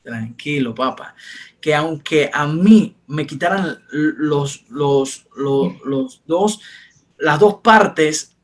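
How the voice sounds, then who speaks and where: A man's voice: fairly high pitch, expressive, very slow. Earnest man sharing a faith testimony. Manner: earnest, retells dialogue in soft quieter voices. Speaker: testimony speaker. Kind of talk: personal faith testimony, storytelling.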